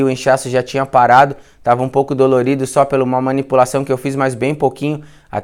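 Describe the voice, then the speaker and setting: A man's voice: medium pitch, clean tone. A man with a Brazilian Portuguese accent, a physiotherapist recounting a clinical case in a live class, chatty and informal, repeating phrases and dropping slangy asides. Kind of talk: informal storytelling case lecture.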